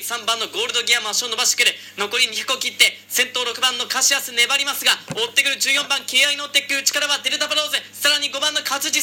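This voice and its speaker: A man calling a horse race, rapid and building excitement toward the finish. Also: extremely high pitch. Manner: rapid, rising to a shout at the finish. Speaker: race caller.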